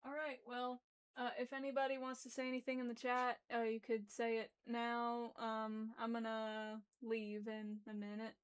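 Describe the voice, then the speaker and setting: A woman's voice: fairly high pitch, monotone, normal speed, clean tone. A young adult woman who reads a story and chats on a livestream, hesitant and apologetic, speaking through a locked jaw with slightly muffled articulation. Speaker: reader and host of a livestream. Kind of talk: reading a story aloud, informal livestream chat.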